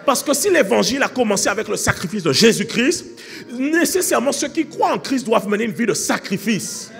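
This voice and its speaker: A man preaching a sermon as pastor, fervent, shifting from shouted calls to fast, quiet explaining. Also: very high-pitched, sing-song, gravelly, long reverb tail, soft background music. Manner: fervent preaching, swings between shouting and rapid quiet talk.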